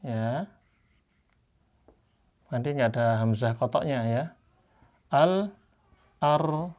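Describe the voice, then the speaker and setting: A man teaching Quran reading in a class, patiently explaining and slowly modelling each Arabic word. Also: medium pitch. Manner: patient, slows down to model Arabic words drawn out; explains by pointing at written examples.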